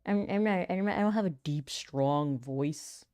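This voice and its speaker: An aspiring voice actor and content creator practices voice lines in a casual vlog, giggling, chatting and teasing herself as she thinks aloud. Her small, light voice sits slightly low for a woman, and it's recorded close and dry at a measured pace.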